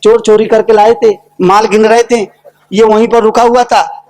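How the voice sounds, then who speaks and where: High, gravelly-voiced man preaching a sermon. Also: normal speed. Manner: animated storyteller who chants repeated phrases and swings between soft and loud. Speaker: Jain monk preacher. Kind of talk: sermon with a storytelling parable.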